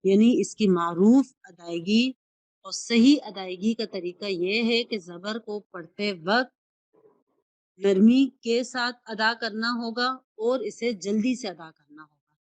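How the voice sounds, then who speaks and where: A woman's voice: mid-range voice, no room sound, poor audio. Woman, Pakistani Urdu accent, Quran lesson teacher, patient and repetitive, dry recording. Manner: patient, repeats rules and demonstrates syllables slowly. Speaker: tajweed teacher.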